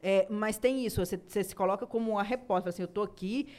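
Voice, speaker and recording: A woman's voice: mid-range voice, a little mellow. A woman with a Brazilian accent, a reporter on a podcast, who speaks earnestly and often restarts her sentences. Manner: earnest, halting with repeated words. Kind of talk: casual podcast conversation.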